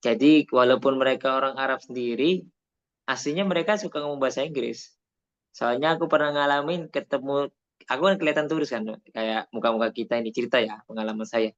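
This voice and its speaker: A man with a mid-range voice speaks fast and chattily while teaching Arabic, wandering off into personal anecdotes and sprinkling Arabic phrases into his talk. The recording is dull and lo-fi.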